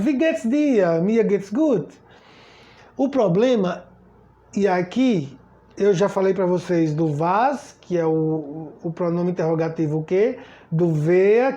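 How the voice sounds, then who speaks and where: A man's voice: high voice, warm tone. A man teaching German in a casual spoken lesson, often asking "tá certo?" and repeating words as he goes. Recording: slightly dull lo-fi sound.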